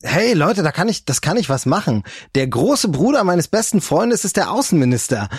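A man's voice: fairly high pitch, very animated, normal speed, slightly rough, no echo, studio quality. A man playing a tabletop role-play game, talking in a hesitant, rambling way with restarts. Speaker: player.

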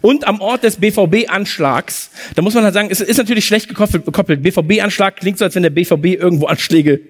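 A man's voice: high voice, a little fast, husky, in a large hall. A man bantering as a podcast co-host, teasing and explaining things in a mock-serious way. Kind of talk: casual banter.

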